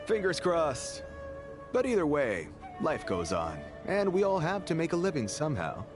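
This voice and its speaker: An actor playing a harried, world-weary trader in a video game. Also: male voice, on the high side, huge pitch swings, moderate pace. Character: harried male trader under money pressure. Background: loud music.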